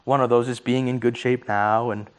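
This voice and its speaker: Musing aloud at a moderate pace, this early-twenties vlogger keeps his medium-pitched voice fairly flat in pitch. His casual monologue is full of free swearing and laughter at his own slips, and his voice is beginning to tire.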